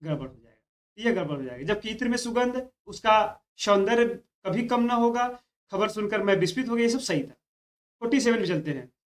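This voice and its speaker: A man's voice: high voice, animated, brisk. A man teaching Hindi spelling for an exam, stretching out each key word and often repeating that students should keep it in mind. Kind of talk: spoken exam-prep lesson.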